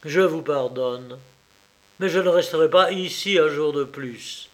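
A man reading an audiobook, voicing a proud, gaunt young man who speaks gravely and coldly. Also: a little high, unhurried, natural voice. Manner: grave, icy.

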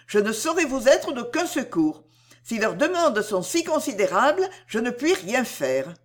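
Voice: sits high, very animated, normal speed, pitched above the performer's own voice. A reader voicing an earnest, pleading young woman. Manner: pleading, emphatic. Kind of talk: audiobook reading.

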